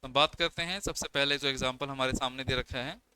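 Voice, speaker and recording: Brisk and steady, this young man's mid-range voice sounds pushed and bright in a low-quality recording with slight background noise. As an English lecturer running exam coaching on poetry, he goes step by step, counting syllables aloud and using his own terms.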